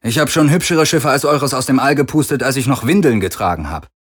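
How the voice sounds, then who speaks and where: A man's voice: mid-range voice, expressive, brisk, slightly rough, pitched above the performer's own voice. A man voicing a tough young ex-pirate gunner who talks through gritted teeth and swears. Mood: defiant. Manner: gritted, cursing, raised.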